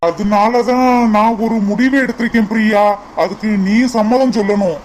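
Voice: mid-range voice, fairly even intonation, normal speed, noisy background, natural voice. An earnest young man in a cartoon, voiced by an actor, coaxing and reassuring the woman he loves in a Kanyakumari Tamil accent. He keeps repeating her name as he talks her round. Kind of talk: cartoon voice acting.

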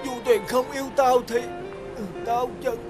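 A man's voice: extremely high pitch, flat delivery, unhurried, over music. An actor playing a heartbroken young man, drunk and slurring. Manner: slurred, mumbling drunk talk.

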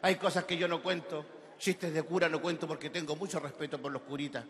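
A man's voice: a little high, fairly even intonation, brisk, fairly bright tone. A man with a Chilean accent telling crude, rambling jokes full of slang in a stand-up set on a big festival stage. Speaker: stand-up comedian. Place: large festival amphitheater stage. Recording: reverberant live venue with crowd ambience.

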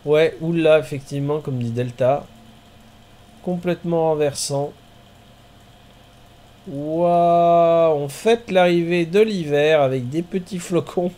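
Male streamer, slowish and a bit high, chatty commentary with excited outbursts. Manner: slow, chatty, bursts of excited exclamations. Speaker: streamer playing a marbles race game.

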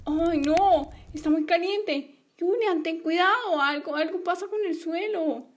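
A woman's voice: very high-pitched, measured pace, a little hiss or hum. A woman voicing sulky young girl friends in a toy play story, complaining and pouty. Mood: worried.

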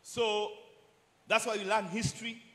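A man preaching a sermon in a church, speaking in short phrases and pausing for an interpreter. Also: sits high, flat delivery, pushed and bright.

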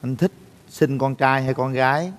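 Nam MC dẫn chương trình thoải mái. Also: male voice, medium pitch, fairly even intonation, moderate pace, big-room sound. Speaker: dating show host. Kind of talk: casual TV hosting.

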